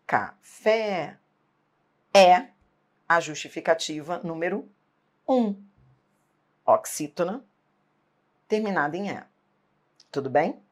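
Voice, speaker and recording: A woman's voice: lowish voice, expressive, slow pace, long pauses. A woman teaching an exam-prep grammar lesson, emphatic, asking rhetorical questions and checking in often.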